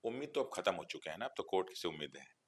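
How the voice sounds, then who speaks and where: Brief: emotional male teacher, low voice, quick delivery, fighting back tears. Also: very animated, slightly rough. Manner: impassioned, voice rising when moved. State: near tears. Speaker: coaching teacher on protest. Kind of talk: emotional interview answers.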